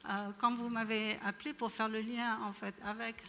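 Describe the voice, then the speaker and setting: A woman's voice: fairly high pitch, flat delivery, moderate pace, sharp tone, a little hiss or hum. Hesitant woman speaking in an echoey hall. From Iran. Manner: hesitant, many fillers and restarts. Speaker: panel speaker. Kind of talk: spontaneous public talk.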